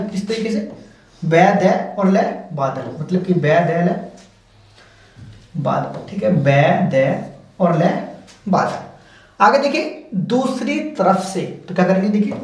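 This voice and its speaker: Echoey Hindi shorthand teacher, distant mic. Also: male voice, high-pitched. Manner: patient, repetitive explaining. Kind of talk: step-by-step stenography lesson. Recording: very echoey room, mic far off.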